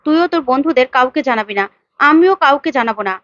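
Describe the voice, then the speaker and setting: A woman's voice: high voice, animated, fast talker, a bit bright, dry recording, lo-fi sound. A woman voicing a determined young woman who speaks firmly and insistently. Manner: firm, insistent. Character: determined young woman heroine protecting her family.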